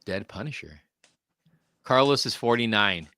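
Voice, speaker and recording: A man's voice: on the low side, animated, unhurried, bright, forceful tone, no echo, clean studio sound. A man in his forties hosting a casual collectibles podcast live stream, joking around and reading viewer comments aloud. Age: 40s. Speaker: podcast host.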